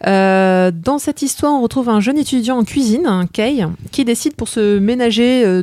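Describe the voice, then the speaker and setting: A lively woman from Paris presents a manga in a casual panel chat, stacking fillers and laughing easily. Her voice sits at a middle pitch in a dry, close-sounding room. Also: no echo. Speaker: manga reviewer.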